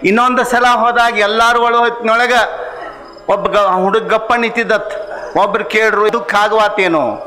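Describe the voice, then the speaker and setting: A man with a North Karnataka Kannada accent preaching a sermon in a high, bright, forceful voice. He tells homely stories and often turns to the audience with questions. The sound rings with the long reverb of a large hall. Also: little pitch movement, moderate pace. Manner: addresses audience with rhetorical questions, storytelling cadence. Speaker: spiritual teacher. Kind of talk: sermon with folksy storytelling.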